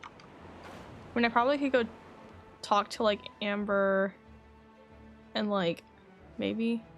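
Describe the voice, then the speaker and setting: With faint game music underneath, a woman at medium pitch takes it slowly as she livestreams a game. She chats casually, thinks out loud, reads the quest dialogue aloud and lets out animated exclamations.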